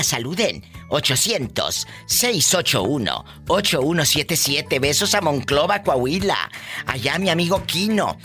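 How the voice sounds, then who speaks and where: A man's voice: a little high, sharp tone. A man with a Mexican accent hosting a live radio comedy call-in show, brash, teasing and theatrical, on a studio mic.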